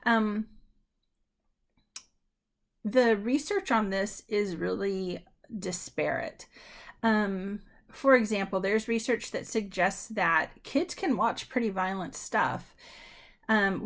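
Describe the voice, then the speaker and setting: A woman lecturer talks her students through the material in a loose, conversational way, pausing on ums and restarting sentences. Her voice has a gravelly edge and sits at an ordinary middle pitch. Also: fairly bright tone. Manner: addresses students directly. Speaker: university lecturer. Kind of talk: recorded lecture.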